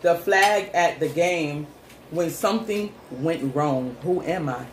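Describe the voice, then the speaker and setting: A woman's voice: deep voice, slow. A woman co-hosting a home vlog riddle challenge, teasing her husband and reading out riddles. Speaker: vlog co-host, wife. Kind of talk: casual riddle challenge chat. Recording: echoey room with faint noise.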